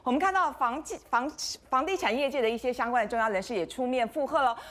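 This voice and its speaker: A woman's voice: high-pitched, quick pace, fairly bright tone. A woman with a Taiwanese Mandarin accent hosting a studio current-affairs talk show, emphatic and full of rhetorical questions.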